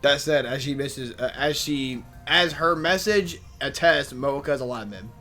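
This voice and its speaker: A man's voice: medium pitch, a little slow, pushed and bright, soft background music. A man reading a visual novel aloud as a let's play host, tripping over words, restarting lines and muttering complaints between them. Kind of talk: reading game text aloud with casual asides.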